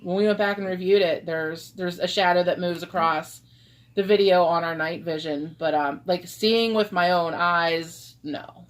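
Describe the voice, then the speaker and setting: A woman co-hosting a paranormal live stream, chatting in a relaxed, loose way. She fills her talk with "um" and "like" and breaks into laughter often, like someone among friends. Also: lowish voice, a little slow. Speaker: paranormal investigator, co-host. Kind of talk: casual live-stream chat.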